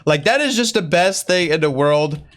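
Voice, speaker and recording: This YouTuber's voice is a little high and fairly bright, with lively intonation at a moderate pace. He answers viewer questions in a casual Q&A vlog while imitating another creator through a forced, strained voice. The talk is rambling, slangy bro-chat, and his throat is sore from pushing it.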